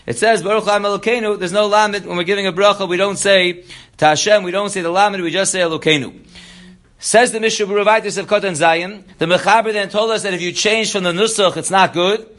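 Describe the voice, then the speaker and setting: High-voiced man teaching a halacha lesson. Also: fairly even intonation, quick pace, a bit bright. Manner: reads Hebrew text then explains in English. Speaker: Torah teacher.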